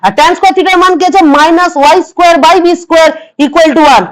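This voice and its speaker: Woman, math tutor, West Bengal Bengali accent, hoarse, very high voice, repeats every step. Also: a little fast, poor audio. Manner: repeats each step, coaxing students along. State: hoarse from a cold. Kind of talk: online exam-prep math lesson.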